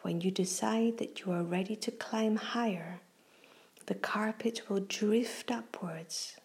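A woman hosting a children's relaxation show, gently reading a guided meditation in a soft, breathy half-whisper with slow, soothing phrasing. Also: mid-range voice.

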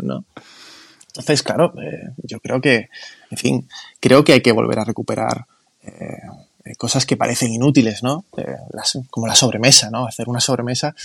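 Castilian-man, podcast guest, gravelly, meandering and halting, dry close sound. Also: mid-range voice, no echo. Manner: rambling, halting with many restarts and fillers. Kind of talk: casual conversation.

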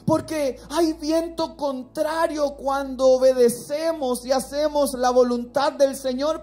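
Woman, high pitch, church sermon, calls to the congregation, faint music underneath. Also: warm tone. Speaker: preacher.

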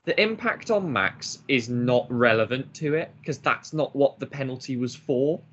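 A man's voice: medium pitch, lively intonation, moderate pace, a bit bright, slight background noise. A man co-hosting a casual podcast, blunt and opinionated, joking with his co-hosts. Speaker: podcast co-host. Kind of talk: casual chat. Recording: dull lo-fi podcast audio.

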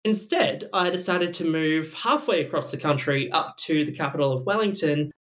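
A woman's voice: low-pitched, expressive, moderate pace. A woman from New Zealand with a New Zealand accent, a guest telling her story in a candid interview, blunt and self-mocking with frequent laughter. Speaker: podcast guest, employment lawyer.

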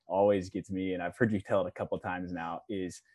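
Jokey low-voiced male podcast host. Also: level tone, fairly quick, a little mellow, no echo. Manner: jokey, laughs easily. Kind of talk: casual podcast chat.

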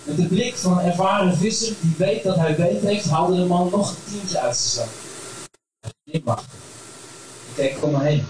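A man tells a first-person story with frank, crude, wry humor, his voice sitting a little high. He is picked up from a distance in a very echoey room, with steady background noise behind him. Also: moderate pace.

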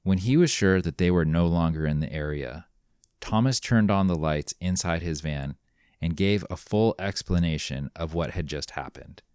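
A man reading a scripted mystery story in a measured, grave manner. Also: low voice, animated, darkish tone, clear, resonant tone, dry recording, clean studio sound. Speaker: narrator.

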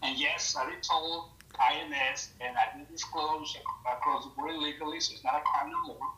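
A middle-aged man from Mexico, a podcast guest telling his story in a relaxed way with loose grammar. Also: on the high side, a little fast, reverberant, low-quality recording. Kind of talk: casual podcast interview.

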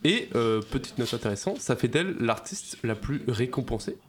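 A man's voice: medium pitch, lively intonation, moderate pace, slight background noise. Man, podcast co-host, casual chat, hesitant, fillers, jokey. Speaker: podcast co-host, music segment.

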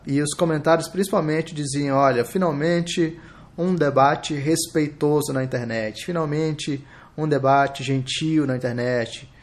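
Slow, gravelly-voiced Brazilian man. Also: mid-range voice, a little mellow. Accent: Brazilian Portuguese. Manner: reflective, halting, thinks aloud with pauses. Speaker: podcast host. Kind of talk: live podcast monologue.

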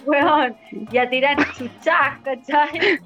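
A young woman with a Chilean accent casually retelling a story to a friend, animated and full of slang, laughing often. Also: high voice, slow. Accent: Chilean Spanish. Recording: muffled lo-fi with faint music.

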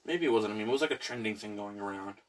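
A man's voice: on the low side, very fast, a little hiss or hum. Goofy young guy just chatting, silly voices here and there, kinda far from the mic. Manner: goofy, jokey, breaks into silly voices and sound effects. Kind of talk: casual chat.

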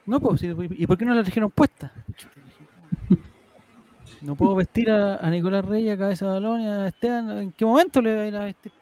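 A man's voice: high-pitched, a little fast, mellow. A man, telling a story as a podcast host in a rambling way, with restarts and laughs. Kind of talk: casual storytelling to co-hosts.

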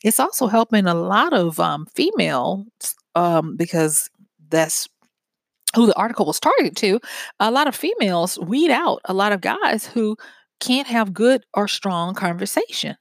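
A woman's voice: medium pitch, very animated, unhurried, creaky, dry recording, studio quality. A woman hosting a talk show, explaining to her audience in a chatty, loose way, with fillers, restarts and frequent laughs. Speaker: podcast host. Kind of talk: casual commentary to an audience.

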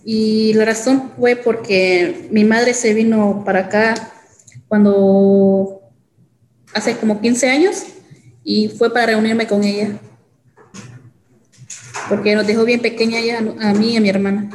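A young woman from El Salvador, telling her own story as an interview guest in a halting way, with many fillers and restarts. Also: medium pitch, fairly even intonation, darkish tone, roomy sound, slight background noise, rough recording. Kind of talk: hesitant personal testimony.

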